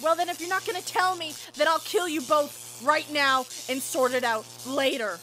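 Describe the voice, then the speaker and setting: A woman voicing a panicking, angry young man who accuses others and shouts in a storytelling video. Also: high voice, fairly even intonation, normal speed, soft background music, voice pushed up, rough recording. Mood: accusing.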